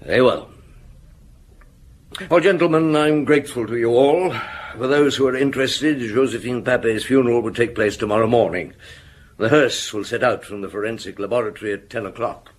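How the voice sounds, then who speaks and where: An actor playing a shrewd, dogged middle-aged police inspector in a radio drama, measured and dryly polite as he probes. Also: medium pitch, close to an everyday voice. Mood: firm, formal.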